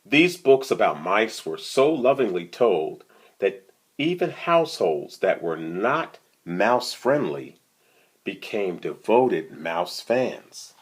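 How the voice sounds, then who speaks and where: Reading a picture book to kids, this storytime reader talks slowly in a lowish, slightly rough voice that swings widely in pitch. His delivery is conversational, dotted with offhand comments and questions directed at the listener.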